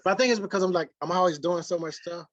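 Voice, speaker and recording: A man's voice: high-pitched, racing, a bit bright. A man with a Mississippi accent and a country drawl, chatting casually as a guest. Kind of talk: casual chat. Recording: muffled, dry lo-fi sound.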